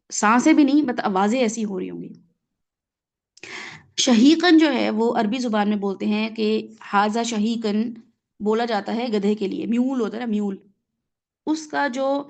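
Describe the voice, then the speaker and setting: A woman's voice: medium pitch, a little mellow. A woman with a Pakistani Urdu accent teaching a Quran reflection lesson, explaining word by word, mixing in English words and often checking in with her listeners.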